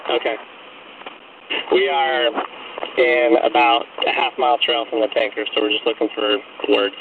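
A man, a military pilot in flight, talking over a helmet radio in calm, clipped, procedural radio talk. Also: medium pitch, unhurried, gravelly. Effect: helmet radio transmission. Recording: tinny radio link with static hiss.

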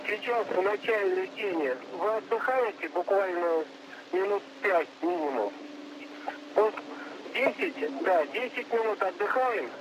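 A man with a fairly high voice acts as a mission control operator over radio. He gives procedural instructions step by step in a businesslike way. The link carries clear noise. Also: lively intonation, a little slow. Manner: businesslike, step-by-step, acknowledging reports. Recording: noisy radio link, clear background hiss.

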